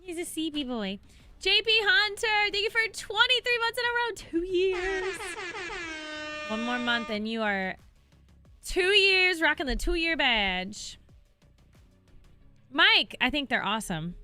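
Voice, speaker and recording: A woman's voice: very high-pitched, very animated, slow pace, pauses often, bright, forceful tone, no room sound, faint music behind. A woman livestreaming while gaming, chatting casually and thanking viewers in a bubbly way. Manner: bubbly, reads out chat and thanks subscribers.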